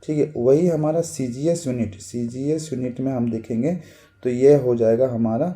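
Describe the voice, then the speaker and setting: Dark-voiced man teaching. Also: medium pitch, fairly even intonation, moderate pace. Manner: repetitive, says "thik hai" constantly, repeats terms. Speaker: technical instructor. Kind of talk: casual whiteboard lesson.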